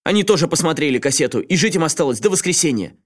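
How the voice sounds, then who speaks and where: A man's voice: on the high side, animated, fast, voice pushed up. A man voicing a frantic male journalist who pleads with a friend in a raised, agitated voice. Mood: desperate.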